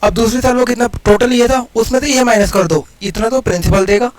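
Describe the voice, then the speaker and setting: High-pitched chatty Indian maths teacher. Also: male voice, soft background music, rough recording. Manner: chatty, explains steps aloud, counts digits quickly. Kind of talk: casual exam-prep lesson.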